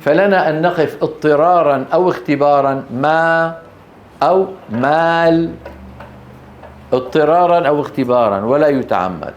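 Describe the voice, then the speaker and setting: A male teacher speaks, his voice sitting a bit higher than most men's. He lectures a class on recitation rules, stretching out each example word slowly and pausing often to check that the students are following. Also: darkish tone, lo-fi sound, a little hiss or hum.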